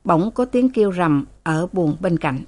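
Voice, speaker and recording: A woman narrating a story in a steady storytelling manner, voicing its characters. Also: on the low side, unhurried, no room sound.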